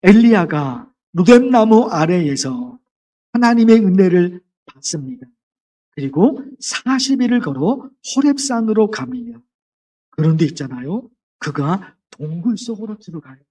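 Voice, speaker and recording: A man preaching a sermon as pastor, earnest, dropping to a gentle voice when quoting. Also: high-pitched, big pitch swings, measured pace, distant mic. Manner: earnest, softens to a gentle voice for quoted words. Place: church sanctuary.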